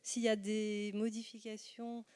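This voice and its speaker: A woman's voice: medium pitch, completely flat delivery, unhurried, darkish tone, clean tone. A woman, a local resident, asking a hesitant question at a public meeting, admitting she is a bit lost. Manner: hesitant, confused.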